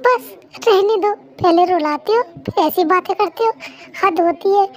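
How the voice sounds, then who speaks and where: A woman doing a chatty, dramatic young wife. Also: very high-pitched. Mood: hurt. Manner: fast, indignant, talkative. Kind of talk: fan Hindi dub role-play.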